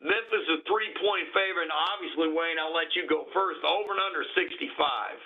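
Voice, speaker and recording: A man's voice: on the high side, a little fast. A man hosting a casual sports talk show, making picks in a folksy, rambling way with lots of laughs. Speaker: sports radio host. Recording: phone-line audio.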